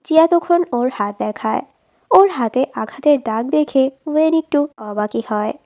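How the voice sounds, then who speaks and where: A woman narrating a drama plot in a steady storytelling read, quoting each line of dialogue. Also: high-pitched, a little slow.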